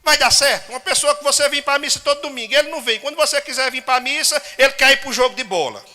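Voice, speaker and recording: A man's voice: extremely high pitch, quick pace, sharp tone, pitched above the performer's own voice, heavily acted. A man voicing a firm parish priest who lectures a young woman. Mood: lecturing. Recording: long chapel reverb.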